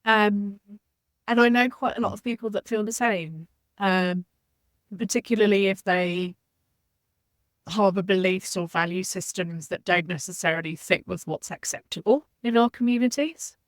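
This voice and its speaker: A woman's voice: mid-range voice, normal speed, no echo. A woman from Zambia, a podcast guest, speaking in a reflective, candid way. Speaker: guest, social impact leader. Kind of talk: podcast interview.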